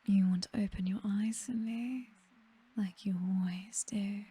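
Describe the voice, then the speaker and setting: For an ASMR roleplay, a woman plays a seductive British vampire mistress, speaking in a very breathy, dark whisper that is slow and hypnotic. Her mid-range voice keeps fairly even intonation as she coaxes, possessive and teasingly commanding yet tender.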